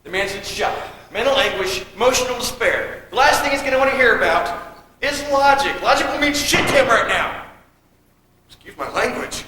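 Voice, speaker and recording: A man's voice: extremely high pitch, animated, noisy background. A young man acting in a school stage play, playing a flustered, bossy man who snaps at the others. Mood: exasperated. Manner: exasperated, bossy, fast-talking. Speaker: actor in a high school play. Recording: echoey school auditorium, long reverb.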